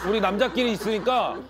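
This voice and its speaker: A man's voice: high-pitched, heavy background noise. A man in his forties, a guest actor, chatting and laughing in casual banter on a variety show set. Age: 40s. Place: living room set.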